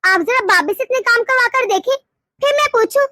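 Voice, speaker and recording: A woman voicing a complaining, sharp-tongued young wife in a cartoon story. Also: extremely high pitch, a little fast, no echo, clean studio sound. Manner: whiny, indignant.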